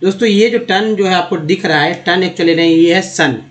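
A man with a fairly high voice teaches English reading in a patient classroom manner. He spells words out letter by letter, draws out sample words slowly and puts quiz questions to his viewers. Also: rough recording. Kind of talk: Hindi-language phonics lesson.

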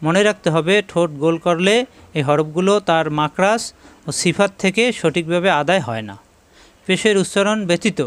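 A man teaching Quran letter pronunciation, repeating each sound slowly and checking that viewers follow. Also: high-pitched. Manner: slow, repetitive drilling of letter sounds; asks if it is clear, addresses viewers directly. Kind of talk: step-by-step pronunciation lesson.

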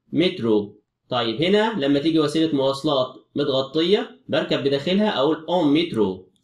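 A man's voice: a little high, echoey room, far from the mic. A man with an Egyptian Arabic accent teaching a French exam review, explaining each answer step by step.

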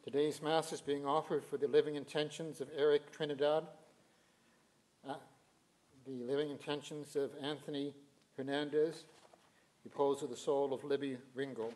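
A man's voice: fairly high pitch, flat delivery, normal speed, long pauses, a little mellow, poor audio. Older male priest leading Mass. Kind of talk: liturgical speech at Mass. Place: church sanctuary at the altar, indoors.

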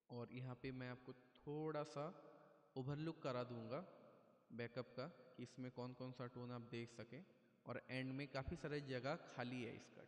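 A man giving a casual step-by-step keyboard tutorial, explaining patiently and checking in with the viewer often. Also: mid-range voice. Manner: plain, patient explaining with frequent "theek hai". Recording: echoey room with long reverb.

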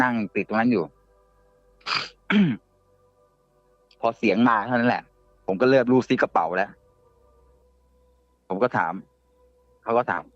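A man casually telling a ghost story on a live show, halting and often repeating his words. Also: mid-range voice, no echo, muffled recording. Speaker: guest storyteller.

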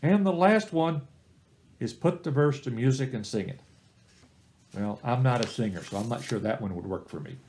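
A man's voice: medium pitch, expressive, a little mellow, slight background noise. Man teaching a church Bible study. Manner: plain, unhurried teaching with step-by-step tips. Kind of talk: recorded church small-group lesson.

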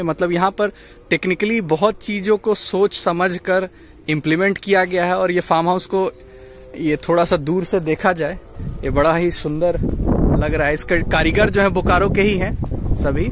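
A man with a rather high voice interviews someone on a farm outdoors, asking short questions and agreeing briefly. Faint outdoor noise can be heard behind him. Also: steady tone, moderate pace. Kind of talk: casual on-site interview.

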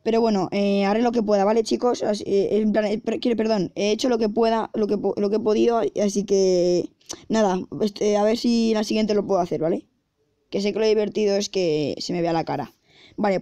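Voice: mid-range voice, fairly even intonation, brisk, no room sound. A young adult with an accent from Spain, casually commenting on funny clips while trying not to laugh. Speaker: video creator reacting to funny clips. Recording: loud music behind the voice. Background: music and sound from played clips.

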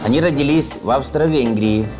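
Fairly quick in a mid-range voice, this author and guest from Uzhhorod, western Ukraine, talks thoughtfully but hesitantly in an easygoing interview, peppering his speech with fillers and self-corrections. He is at a table in a cozy room filled with wall clocks, with music in the background.

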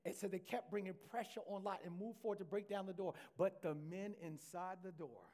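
High-voiced preaching pastor, call-and-response. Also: male voice, darkish tone. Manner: reads scripture aloud, slowing down to stress key phrases. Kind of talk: sermon. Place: church sanctuary.

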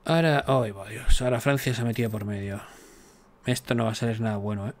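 A man's voice: lowish voice, fairly even intonation, quick pace. Joking man narrating his strategy game. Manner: chatty, joking, exasperated asides to the game. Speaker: gaming YouTuber. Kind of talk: casual let's-play commentary.

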